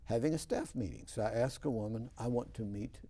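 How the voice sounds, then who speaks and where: A man's voice: medium pitch, brisk, dark tone. A man hosting a TV interview show in a studio, telling homespun stories in a folksy way. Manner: folksy storytelling. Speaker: host.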